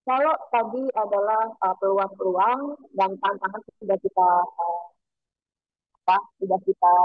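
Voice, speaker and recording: A woman giving a webinar talk over online call audio that keeps breaking up, pausing often with filler sounds. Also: mid-range voice, dry recording. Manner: halting, many filler sounds. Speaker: webinar speaker. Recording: tinny choppy call line, faint music.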